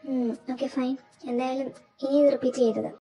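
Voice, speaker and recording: A woman's voice: high voice, flat delivery, a little fast, mellow, pitched above the performer's own voice. A woman voicing a curt female boss. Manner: curt, strict. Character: stern female office boss. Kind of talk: fan audio drama acting. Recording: distant, dull lo-fi sound.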